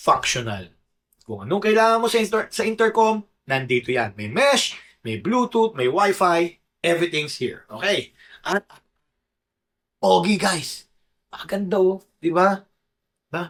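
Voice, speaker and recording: Pitched fairly high and slightly bright, a Filipino man casually reviews motorcycle gear on camera, keeping it informal and often adding short tag questions.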